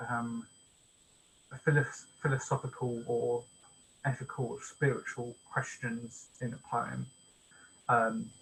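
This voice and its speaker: A man leading a poetry workshop, explaining step by step in a casual lecture style, with many pauses and ums. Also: mid-range voice, fairly bright tone, slight background noise, rough recording. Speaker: workshop leader. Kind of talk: informal online workshop lecture.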